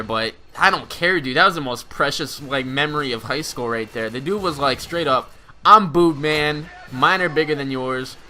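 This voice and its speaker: Bright-voiced young man telling funny stories. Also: medium pitch, slight background noise. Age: 20s. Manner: animated, slangy, laughing as he tells stories. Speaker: gaming channel host. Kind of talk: gameplay commentary storytelling.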